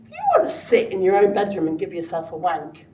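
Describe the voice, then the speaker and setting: A woman's voice: lowish voice, steady tone, quick pace, roomy sound, distant mic, music in the background, low-quality recording. A woman speaking bluntly and rousingly in a documentary interview. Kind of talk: documentary interview and motivational talk.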